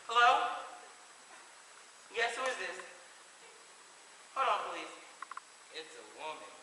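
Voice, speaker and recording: A man's voice: sits high, animated, takes it slowly, background noise. A teenage actor playing a flustered, exasperated man fielding phone calls in a school stage comedy. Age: teens. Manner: exasperated, bursts of shouting. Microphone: distant room mic. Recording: echoey auditorium from far off, faint clicks.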